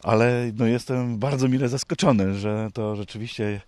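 A man's voice: mid-range voice, fairly even intonation, moderate pace, a little mellow, dry recording. A man who heads a forest district, talking outdoors, hesitant and repeating himself.

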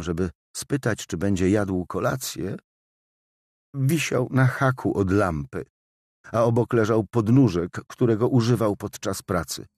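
A man putting on a grieving widow's hushed voice. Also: lowish voice, breathy edge, no echo, clean studio sound, heavily acted. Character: grieving widow, middle-aged woman, subdued.

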